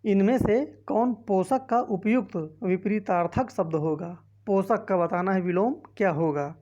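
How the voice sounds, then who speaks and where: Through dull audio comes a mid-range, dark-toned woman's voice at normal speed. She's an exam-prep teacher with a Hindi-speaking north Indian accent, going through a quiz by reading the options aloud one by one and explaining each answer.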